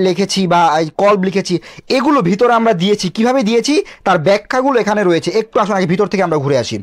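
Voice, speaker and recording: Quick, high-voiced man demonstrating a product. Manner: explains step by step, pointing at the page; sounds out recitation examples slowly. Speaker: bookshop presenter.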